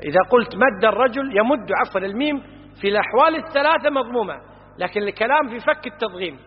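A man teaching from a classical grammar book, patiently explaining and slowly repeating word forms, checking that his listeners follow. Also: extremely high pitch, expressive. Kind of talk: classroom lecture. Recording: muffled recording in a reverberant hall.

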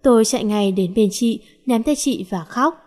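A woman tells a first-person story, her voice sitting a little high. She narrates steadily and lifts her voice slightly for the characters' lines. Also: normal speed, darkish tone.

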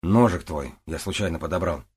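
A man voicing a sullen, rough teenage boy who talks bluntly and gruffly. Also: low-pitched, a little fast, darkish tone.

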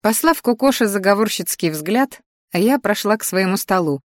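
A woman narrating a fantasy story aloud with lively storytelling. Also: medium pitch, moderate pace, no room sound, studio quality. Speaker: audiobook narrator. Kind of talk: scripted narration.

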